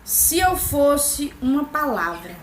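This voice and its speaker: A woman's voice: sits high, very animated, takes it slowly. A woman answering tag questions in a casual vlog, playful and jokey, making little sound effects. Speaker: vlogger. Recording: echoey room with faint background noise.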